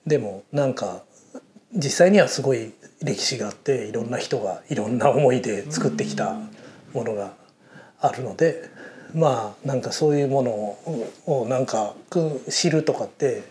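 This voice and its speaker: A man's voice: medium pitch, lively intonation, normal speed, darkish tone, a little hiss or hum. A man hosting a casual interview, musing aloud with lots of fillers. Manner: rambling, many fillers, thinks aloud.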